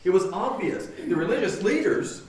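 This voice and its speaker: A pastor preaches a sermon to his congregation in a church sanctuary, earnest and conversational, full of rhetorical questions. His voice is high-pitched and animated at a normal speed, recorded from a distance in an echoey church hall.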